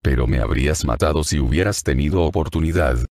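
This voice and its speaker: Male narrator voicing a captive woman spy, tense and defiant, very deep with a dry studio sound. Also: brisk, vocal fry, a little mellow, dry recording, exaggerated voice.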